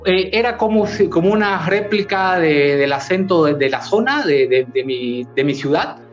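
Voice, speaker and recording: Male Bolivian doctor, interview guest, earnest and halting, slightly raised voice, muffled recording with faint music. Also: a little high, lively intonation. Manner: earnest, hesitant, repeats and restarts words. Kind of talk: recounting a personal experience.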